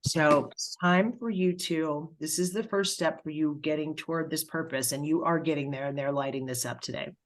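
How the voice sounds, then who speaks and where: A middle-aged woman with a low voice gives a spiritual reading, pausing often and filling gaps with "um." She talks haltingly and gets emotional as she relays what she senses. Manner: halting, emotional, many fillers and pauses. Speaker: spiritual medium.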